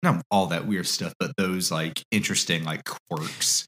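A man's voice: low-pitched, fairly even intonation, normal speed, sharp tone. A man in his twenties co-hosting a casual podcast, chatty and eager as he runs through a list. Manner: chatty, lists things eagerly. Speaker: podcast co-host. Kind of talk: casual chat.

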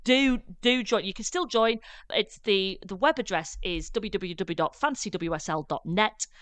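Brief: woman, podcast co-host, chatty and animated, smooth and crisp voice, dry close sound. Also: mid-range voice, normal speed, no room sound. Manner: chatty, animated, laughing asides. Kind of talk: casual chat.

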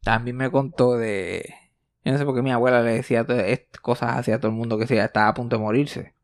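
A man's voice: medium pitch, fast talker, dry recording, clean studio sound. A young man with a Puerto Rican accent, telling a joking family anecdote in a casual chat. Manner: animated, joking, tumbling anecdotes.

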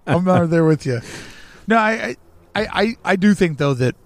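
A man chats as a podcast co-host, telling stories with plenty of animation and slipping into little quoted voices. His voice sits a bit high for a man. The sound is dry and close, with no room around it. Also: animated, normal speed, dry recording. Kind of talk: casual chat.

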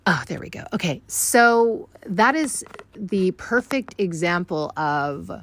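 A woman hosting a podcast from home, speaking in an earnest, reflective way and often addressing listeners directly as "you guys.". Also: sits low. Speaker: podcast host. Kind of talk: casual self-help talk.

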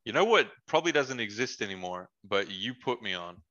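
A young man, a former basketball player, telling stories in a relaxed podcast chat and acting out what his friends said. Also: lowish voice, a little fast, dull audio. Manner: animated storyteller, quotes friends in their voices, laughs often. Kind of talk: casual podcast chat, storytelling.

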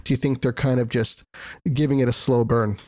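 A man hosts casual sports talk sounding sick and stuffed up in the nose. His pitch is average and his delivery halts and doubles back on words. The sound is dry, with very little room to it. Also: fairly even intonation, brisk, mellow, no echo. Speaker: sports podcast host. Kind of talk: casual hockey commentary.

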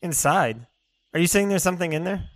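A woman's voice: lowish voice, lively intonation, brisk, no room sound, close to an everyday voice. A woman voicing a nervous young male soldier who stammers and repeats his words. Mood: alarmed. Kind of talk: storybook character voice.

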